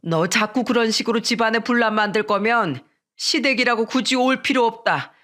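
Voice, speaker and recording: A woman's voice: on the high side, moderate pace, a bit bright, lightly acted. A woman reading the part of a stern elderly mother-in-law who scolds and commands her family. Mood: scolding.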